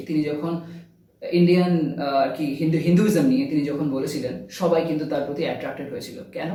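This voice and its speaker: A man's voice: a little high, mellow, recorded from a distance. Male English teacher with a Bengali accent and a raised voice, set back from the mic in a very echoey room. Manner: slow, stressed English phrases mixed with quick Bengali explanations. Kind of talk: spoken English lesson on video.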